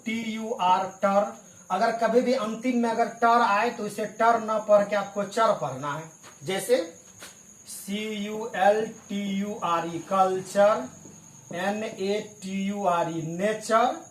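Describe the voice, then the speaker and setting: A man teaching English in Hindi, spelling words out letter by letter and explaining patiently. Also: high-pitched. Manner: clears his throat now and then. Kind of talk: spoken classroom lesson. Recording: echoey room with crickets behind.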